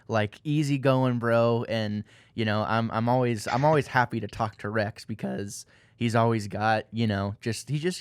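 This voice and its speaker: A man's voice: medium pitch, clear, resonant tone, no echo. A man hosting a casual gaming podcast, talking in a rambling, friendly way with lots of fillers. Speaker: podcast host.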